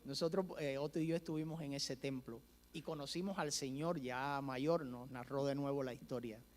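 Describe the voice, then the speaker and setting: A man's voice: mid-range voice, steady tone, moderate pace. A male preacher telling a story in a sermon, acting out the dialogue at a church service.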